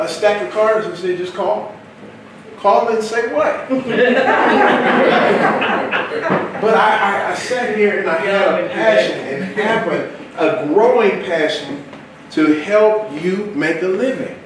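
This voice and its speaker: A man giving an animated, repetitive motivational sales talk to a seminar audience. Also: high voice. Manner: animated, repetitive, preacher-like rhythm. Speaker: seminar speaker. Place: event hall with live audience. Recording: echoey hall, far from mic, noisy room.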